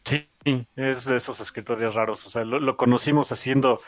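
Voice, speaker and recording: A man's voice: medium pitch, steady tone, moderate pace, dry recording, soft background music. A man co-hosting a comics podcast, joking and laughing easily in casual chat. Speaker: podcast co-host.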